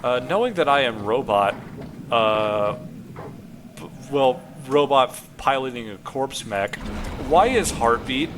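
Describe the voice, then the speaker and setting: A man's voice: medium pitch, expressive, slow. A man streaming a horror game, chatting casually and joking with fillers and restarts. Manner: rambling, jokey, filler-heavy. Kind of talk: casual gaming commentary. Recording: noisy stream audio.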